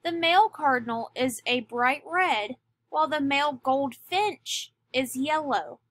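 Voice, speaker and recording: A woman teacher giving a recorded lesson, speaking deliberately and stressing key words. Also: sits high, a bit bright, no room sound. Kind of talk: recorded classroom lecture.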